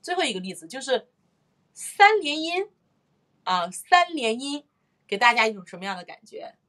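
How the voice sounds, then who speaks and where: Lively woman vocal teacher demonstrating rhythms. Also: fairly high pitch, normal speed. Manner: lively, repeats phrases, sings and claps out rhythms. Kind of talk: live-streamed singing lesson.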